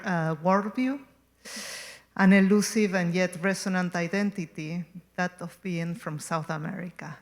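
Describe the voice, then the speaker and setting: Woman from Argentina in her forties, guest artist at a museum talk, slow and halting, lowish voice. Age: 40s. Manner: hesitant, many ums and restarts. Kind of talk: gallery talk. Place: museum gallery.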